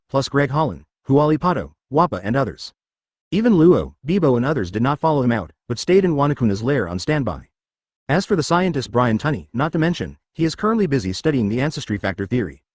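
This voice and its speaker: A man reading fan fiction aloud as a steady scripted narration. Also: mid-range voice, brisk, no echo, clean studio sound.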